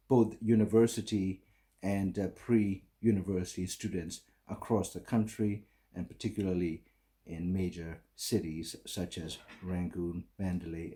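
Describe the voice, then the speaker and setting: A middle-aged man from Burma with a Burmese accent, giving a recorded conference talk in halting English full of fillers and restarts. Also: on the low side, dark tone. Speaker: conference speaker.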